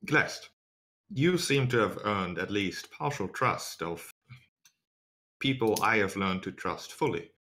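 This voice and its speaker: A man voicing a cautious female adventurer in a tabletop game, speaking formally and precisely in measured phrases. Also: lowish voice, lively intonation, bright, forceful tone, exaggerated voice. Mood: measured doubt.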